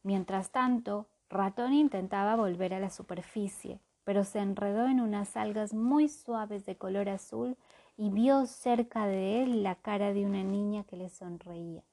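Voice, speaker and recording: A woman reading a children's adventure story aloud in an expressive storytelling manner. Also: mid-range voice, measured pace. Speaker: narrator.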